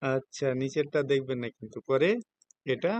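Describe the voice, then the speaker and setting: A man's voice: medium pitch, fairly even intonation, moderate pace, a little mellow, dull audio. A man teaching a Japanese lesson in Bengali with a Bangladeshi accent, patiently explaining each step and often asking students whether they understand. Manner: patient, checks understanding with frequent questions. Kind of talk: classroom lesson explaining hiragana.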